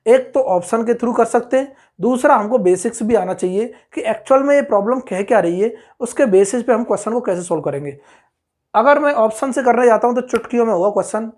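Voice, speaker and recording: A woman tutor walks through a math problem at the board in a lecture voice of ordinary pitch. She mixes English terms into her explanations, poses questions and answers them herself, and keeps checking whether everyone is following. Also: a little mellow. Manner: keeps asking the class if it is clear, answers own questions. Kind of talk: exam-prep blackboard lecture.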